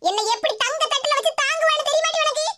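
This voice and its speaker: A shrill, very high, cranky old mother for a cartoon, voiced by a woman, scolding and boastful, with a Tirunelveli Tamil accent. She takes offense fast, and loud noise hisses under her voice throughout.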